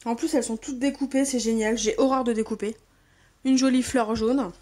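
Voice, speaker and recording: High-voiced, gushing French-speaking woman. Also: fairly even intonation, brisk, mellow. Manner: gushing, enthusiastic, repeats her delight. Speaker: scrapbooking channel host. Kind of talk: casual unboxing chat.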